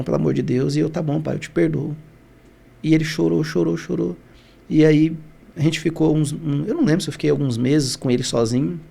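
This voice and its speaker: A man from Brazil recounts his own past as a podcast guest, his voice sitting a bit high with a gravelly edge. He tells the story with feeling, often breaking off and restarting, and he acts out the voices of the people he quotes. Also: a little mellow. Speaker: podcast guest, barbershop founder. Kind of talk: personal storytelling in an interview.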